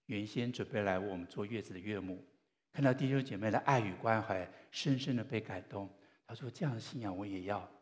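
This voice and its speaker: Man preaching in a reverberant hall. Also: on the low side. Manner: earnest storytelling with gentle pauses. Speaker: pastor. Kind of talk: sermon.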